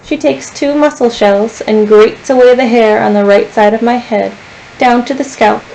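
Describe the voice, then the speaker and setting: Woman reading a novel aloud, fairly high voice, steady storytelling, teacher reading to a class. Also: moderate pace, creaky, a little hiss or hum, rough recording.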